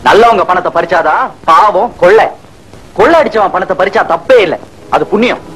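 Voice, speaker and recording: A man's voice: sits high, fairly bright tone, breathy edge, poor audio. A swaggering, mocking rich man. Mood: taunting. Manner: taunting, drawn-out sneers. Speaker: arrogant rich driver. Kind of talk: 1980s Tamil film comedy acting. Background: film score music.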